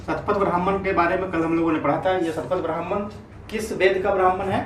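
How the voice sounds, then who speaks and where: Male teacher, high voice, classroom lecture, keeps checking the class follows, recorded from a distance. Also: steady tone, crowd noise. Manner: keeps checking understanding with quick questions; repeats key terms for emphasis. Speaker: history teacher. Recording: echoey room, mic at a distance, faint noise.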